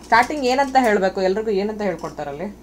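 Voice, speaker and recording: A woman's voice: mid-range voice, lively intonation, quick pace, a little hiss or hum. A woman talking casually at home with her young child, asking patient, coaxing questions. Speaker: mother.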